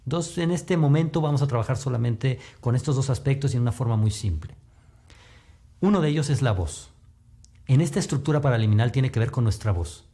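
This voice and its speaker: A man giving a recorded lecture on communication, explaining patiently and shifting his pitch up and down to demonstrate. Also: lively intonation, a little fast, mellow. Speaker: communication instructor.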